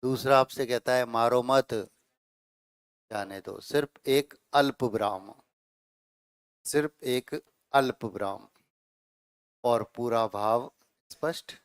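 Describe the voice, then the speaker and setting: A middle-aged man lectures his class on grammar, going over each point twice and pausing to ask if everyone follows. His voice is clear and resonant. The sound is close and dry, with no room echo. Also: mid-range voice. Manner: explains slowly with repeated phrases and checks like 'theek hai'. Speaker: Hindi grammar teacher.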